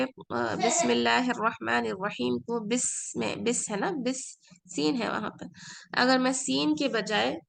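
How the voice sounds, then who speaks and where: A woman with Urdu as her first language teaches an Arabic lesson. Her voice is a little high and heavily gravelly with vocal fry. She explains patiently, repeating key words and mixing in English phrases. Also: a bit bright. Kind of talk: online class lecture.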